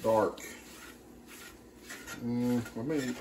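Very slowly, in a mid-range voice with fairly even intonation, a man hosts a casual home cooking video, playfully chatting and using pet names over the sound of a loud crowd. He's in an indoor home kitchen, picked up by a camera a few feet away on the counter, in a roomy space with some background noise.

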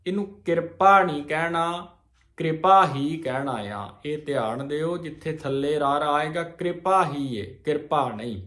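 A man teaching correct recitation of Sikh scripture, chanting each verse slowly and then explaining its pronunciation. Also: a little high, pushed and bright, roomy sound. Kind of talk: slow recitation and pronunciation lesson.

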